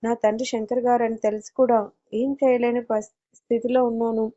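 A woman's voice: on the high side, flat delivery, moderate pace, mellow, lightly acted. A woman reading the lines of a grieving young woman who asks tearful, pleading questions in a storybook audio tale. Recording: dull lo-fi audio.

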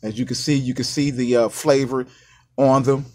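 A man's voice: medium pitch, fairly even intonation, normal speed, mellow. Upbeat American man hosting a snack review. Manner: upbeat, addresses viewers as guys, repeats catchphrases. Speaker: food review host. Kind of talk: casual snack review vlog. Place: small indoor counter by a sink.

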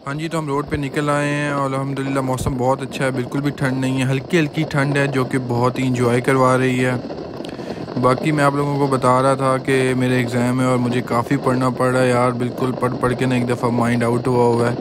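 Young man, chatty riding vlog, mid-pitched voice, clear traffic noise. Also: a little fast. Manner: chatty, relaxed, addresses viewers as friends. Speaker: motovlogger. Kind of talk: casual vlog narration while riding. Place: on a motorcycle on a road at night.

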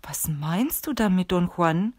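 A woman's voice: on the low side, measured pace, a little mellow, no room sound. A woman reading the lines of an anxious young male apprentice, pleading and questioning, in an audiobook.

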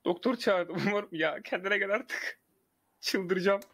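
Bright-voiced man, excitable and pleading. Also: high voice, unhurried. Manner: excitable, pleading, laughing often. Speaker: role-play player. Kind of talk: casual role-play chat.

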